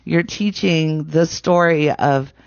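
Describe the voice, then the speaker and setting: A woman hosting a radio show, chatting casually and telling stories in an animated, conversational way. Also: deep voice, slow pace, creaky, dry recording, muffled recording. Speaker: radio host. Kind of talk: casual on-air interview chat.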